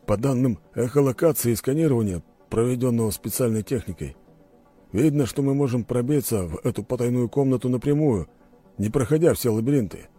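A man voicing a loyal, businesslike security chief in an audiobook, brisk and confident. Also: mid-range voice, mellow, faint music behind, voice pushed up, lightly acted. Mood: matter-of-fact. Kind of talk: audiobook character voice.

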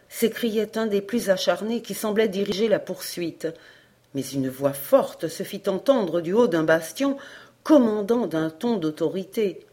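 A woman reading a classic adventure novel aloud as an audiobook narrator, with expressive storytelling. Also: medium pitch. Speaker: audiobook reader.

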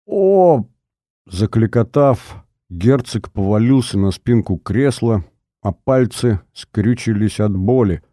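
A man narrating a novel in a steady, measured storytelling manner. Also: lowish voice, no echo, studio quality. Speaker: audiobook narrator.

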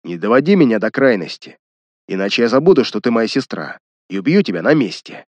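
A man's voice: medium pitch, big pitch swings, fairly quick, a little mellow, no echo. A man voicing a cruel, mocking young man who threatens his sister. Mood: threatening. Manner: sneering, menacing.

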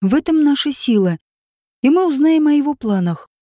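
A woman's voice: high-pitched, animated, moderate pace, dark tone, dry recording, studio quality. A woman voicing a stern, decisive woman writer in an audiobook, with a cool, commanding way of talking.

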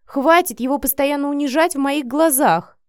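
A shy young woman who hisses, pleads and is easily flustered, voiced by a female narrator. The voice is fairly high, and the recording is dry and close. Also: expressive, moderate pace, a little mellow, no echo, natural voice. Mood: snapping. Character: shy, embarrassed young woman office worker.

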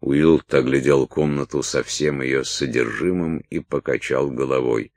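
A man reading an audiobook in a measured, even storytelling manner. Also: a bass voice, vocal fry, no room sound. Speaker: audiobook narrator.

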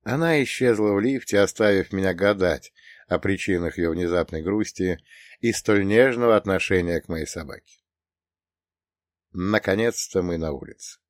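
A man reads a first-person audiobook with a wry, ironic touch. His voice sits on the low side. The recording is close and dry, with no room sound. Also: normal speed, dry recording. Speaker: audiobook narrator. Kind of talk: scripted first-person narration.

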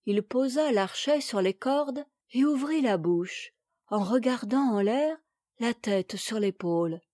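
Woman reading a tale, dark dry tone. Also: fairly high pitch, no room sound. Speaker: audiobook reader. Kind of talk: scripted storybook narration.

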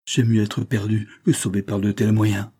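A man's voice: lowish voice, level tone, moderate pace, warm tone, breathy edge. A man reading the lines of an indignant, desperate woman of means in an impassioned, pleading way. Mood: defiant.

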